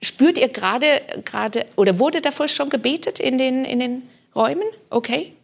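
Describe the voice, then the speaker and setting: A woman's voice: high voice, moderate pace. A woman preaching fervently at a healing service, often dropping to a whisper and repeating hallelujah. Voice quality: breathy, often drops to a whisper. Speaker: preacher leading a healing prayer session. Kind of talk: charismatic sermon and prayer ministry.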